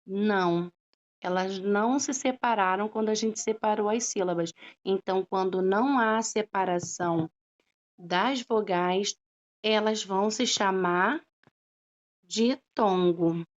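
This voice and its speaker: A woman's voice: mid-range voice, takes it slowly. A woman teacher explaining a grammar lesson patiently, stretching out syllables and checking in often with her students. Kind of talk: slow classroom explanation. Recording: dull lo-fi recording.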